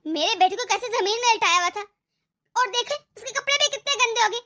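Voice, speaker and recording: Bossy young cartoon daughter-in-law, sharp and impatient, piercing high voice. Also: female voice, lively intonation, a little fast, exaggerated voice. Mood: scolding. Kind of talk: cartoon dub voice acting.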